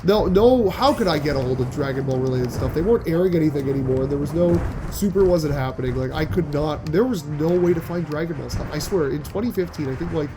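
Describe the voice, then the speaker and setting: Against background noise, a young gaming channel host talks fast with hardly any pauses, his voice on the high side and slightly nasal. His gameplay commentary is casual and rambling, full of restarts and filler "likes."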